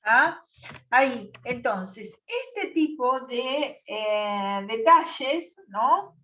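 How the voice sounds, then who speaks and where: A woman teacher speaks slowly and patiently, asking her class little questions as she explains. Her voice is high and bright. It comes across muffled and lo-fi, picked up from some distance away from the mic. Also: expressive. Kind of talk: online class lesson.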